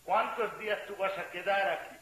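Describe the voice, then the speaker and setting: A man's voice: high-pitched, moderate pace, sharp tone, pitched above the performer's own voice. A man voicing a kindly old male temple priest in a told story, in an echoey room. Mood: gentle. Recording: echoey room with faint hiss.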